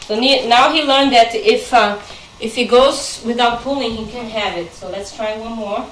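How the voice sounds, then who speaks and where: Woman, dog trainer, patient instructive talk, highish voice, echoey, distant mic. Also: moderate pace, a bit bright, a little hiss or hum. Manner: patient explaining, firm short commands to a dog. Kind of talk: instructional chat during training.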